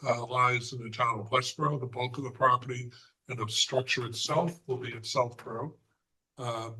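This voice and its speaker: A man presenting a plan at a zoning hearing, hoarse and halting, with many fillers and frequent throat clearing. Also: mid-range voice, pushed and bright, rough recording. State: hoarse, losing his voice. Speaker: applicant's representative. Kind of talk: presenting at a remote board hearing.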